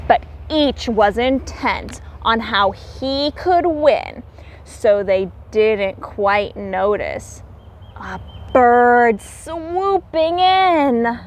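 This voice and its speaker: A woman teacher with a high voice reads a children's storybook aloud expressively and theatrically, explaining things simply for young listeners.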